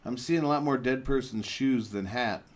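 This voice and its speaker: A man's voice: mid-range voice, moderate pace. A man co-hosting a casual podcast chat, laughing often, swearing, and explaining things to his friend. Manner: giggly, profane, explaining things. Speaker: podcast co-host.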